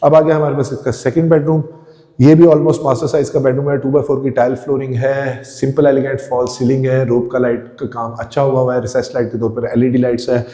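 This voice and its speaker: Male property-tour host, eager walkthrough narration, mellow tone. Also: mid-range voice, little pitch movement, brisk. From Pakistan. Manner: enthusiastic, addresses viewers directly, descriptive. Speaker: real estate tour host. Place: indoors, empty house rooms.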